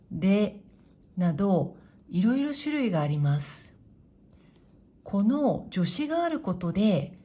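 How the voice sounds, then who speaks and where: A woman teaching Japanese to beginners in a clear, patient way, modeling pronunciation slowly and encouraging learners. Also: mid-range voice, mellow. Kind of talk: slow, clear explanatory lesson.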